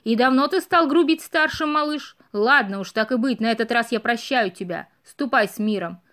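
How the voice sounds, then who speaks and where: A woman's voice: a little high, normal speed, a bit bright, close to an everyday voice. A woman voicing an arrogant, lame older male deer in a storybook reading, mocking and condescending.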